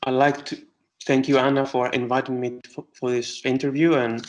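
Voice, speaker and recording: A middle-aged man from Greece, an astronomer answering interview questions with many pauses and restarts. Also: mid-range voice, little pitch movement, lo-fi sound, slight background noise. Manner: hesitant, many fillers and restarts.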